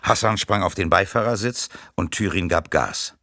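Guy reading a thriller audiobook, deep and gravelly, totally dry sound. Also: no room sound. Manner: steady, measured narration. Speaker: narrator.

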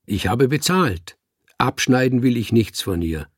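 A man reading a story aloud, voicing a burly, big-bellied male student who speaks clearly and loudly. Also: medium pitch, lively intonation, dry recording, clean studio sound. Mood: blunt. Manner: clear, loud, measured.

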